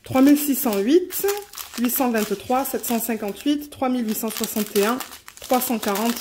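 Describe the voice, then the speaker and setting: A woman vlogging an unboxing in a quick, chatty way, reading out color numbers at home. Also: on the high side, a little mellow, slight background noise. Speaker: diamond painting vlogger. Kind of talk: casual unboxing chat.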